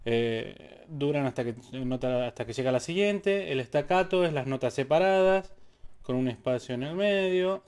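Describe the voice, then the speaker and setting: A man's voice: fairly high pitch, a little mellow. A man teaching a casual music theory lesson, explaining step by step and singing syllables to show rhythms.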